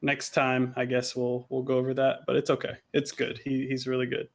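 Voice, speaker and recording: Laid-back, gravelly-voiced male gamer. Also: medium pitch, monotone, fairly quick. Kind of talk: live esports commentary.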